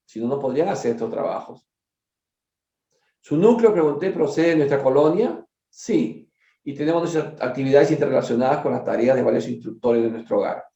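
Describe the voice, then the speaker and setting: A man leads a study session, reading a book aloud in a mellow, dark voice and breaking off for conversational asides to his listeners. The sound is dull and lo-fi, in a room with a noticeable echo. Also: mid-range voice, lively intonation, fairly quick. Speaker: study group leader.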